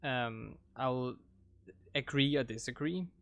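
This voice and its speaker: A young adult man with a Danish accent hosts a gaming channel and is wrapping up a playthrough with casual commentary. His mid-range voice is slow and gravelly, and he rambles hesitantly with many fillers and restarts. Recorded on a desk microphone, the audio is dull with no room sound.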